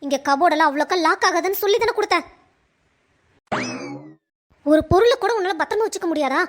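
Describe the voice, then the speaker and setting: A woman's voice: extremely high pitch, animated, fast talker. A woman voicing a proud, scolding mother-in-law in a cartoon, lecturing sharply. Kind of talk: cartoon voice acting.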